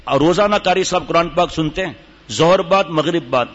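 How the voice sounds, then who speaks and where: A man's voice: fairly high pitch, fairly bright tone. An older man giving a sermon to a gathering, telling stories and demonstrating recitation. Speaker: religious teacher. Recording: dull hall reverb.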